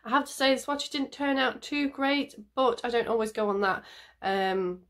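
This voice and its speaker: A makeup vlogger and parent, nasal and stuffed up from a cold, rambles casually with plenty of ums while doing her makeup on camera. Her voice sits fairly high and bright, at normal speed.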